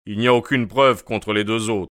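A man's voice: lowish voice, fairly even intonation, normal speed, a bit bright, no room sound, clean studio sound, lightly acted. A man reading a story aloud voices a blunt, broad-backed police inspector with a bluff, jovial manner.

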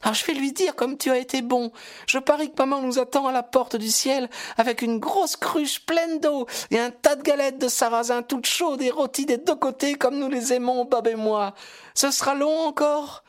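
A babbling, innocent little girl, as a male reader puts her on, chirping in a very high, small voice. Her chatter has a faintly distant, airy quality, set apart from the narration. Childlike and trusting throughout. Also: moderate pace. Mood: cheerful. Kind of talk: audiobook character voice.

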